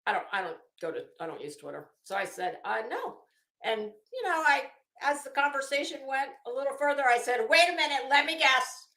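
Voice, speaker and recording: In an echoey room, a livestream host gossips casually with her live viewers, chuckling and dropping coy asides. Her high voice swings widely in pitch, brisk, bright and forceful.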